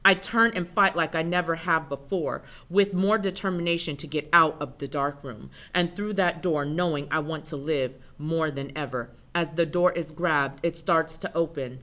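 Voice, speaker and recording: A woman giving an intense, measured first-person spoken word performance. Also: sits low, fairly bright tone.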